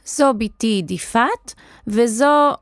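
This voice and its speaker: A woman narrator voicing a raspy, gruff old grandmother who speaks in curt commands in a children's audiobook. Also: fairly high pitch, no echo, clean studio sound, lightly acted.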